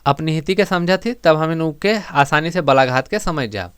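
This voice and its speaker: A man teaching an exam-prep grammar lesson, explaining step by step and repeating words slowly for emphasis. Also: a little high, lively intonation, fairly bright tone, smooth, no room sound.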